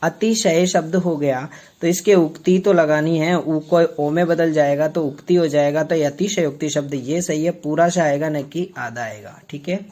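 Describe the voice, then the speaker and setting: A man from Rajasthan teaching a spelling lesson, repeating words slowly and checking with quick questions. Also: on the high side, darkish tone.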